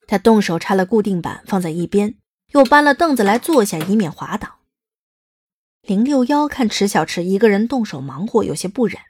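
Husky woman narrating an audio drama. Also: mid-range voice, big pitch swings, moderate pace, darkish tone.

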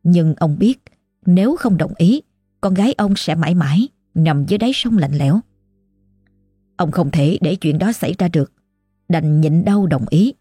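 Woman narrator, ghost story, measured, dramatic, dark mellow voice, dry sound. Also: lowish voice, lively intonation, slightly rough, no room sound, soft background music.

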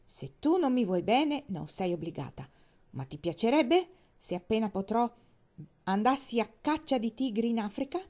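A woman voicing an indignant, rebellious young boy who speaks in loud, defiant outbursts. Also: on the high side, very animated, moderate pace, highs cut off, voice pushed up.

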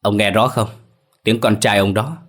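Male narrator plays villain kidnapper, deep, cold and sneering. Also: steady tone, moderate pace, natural voice. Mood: menacing.

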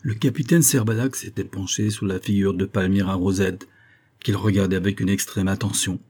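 A man narrating an audiobook in a measured, expressive reading. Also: sits low, husky.

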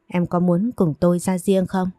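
A woman's voice: lowish voice, level tone, moderate pace, mellow, no room sound, close to an everyday voice. A woman voicing a devoted young man who speaks tenderly and protectively.

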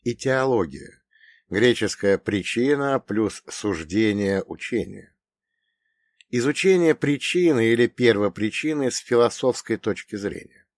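A man's voice: lowish voice, lively intonation, dry recording. Man reading a story in a dry voice. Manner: measured, explanatory reading. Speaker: audiobook narrator. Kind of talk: first-person audiobook narration.

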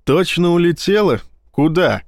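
A blustering, foul-mouthed police vice-admiral, put on by a man reading aloud, snapping and yelling in a raised, strained voice. The delivery is dry and close, with no room around it. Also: on the high side, animated, measured pace, dry recording, pitched above the performer's own voice. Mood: agitated. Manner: loud, agitated, cursing outbursts. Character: hot-tempered swearing male police vice-admiral.

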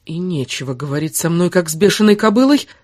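A woman's voice: lowish voice, animated, fast, no echo, clean studio sound. A woman voicing a furious, sarcastic young woman who hurls insults in an audiobook. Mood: bitter. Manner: shouting insults, biting sarcasm.

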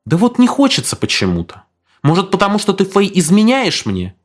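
A man's voice: high-pitched, huge pitch swings, a little fast, soft background music, voice pushed up, heavily acted. A man reading an audiobook, voicing a jealous, tormented husband who snarls and sneers. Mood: bitter. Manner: snarling, sarcastic.

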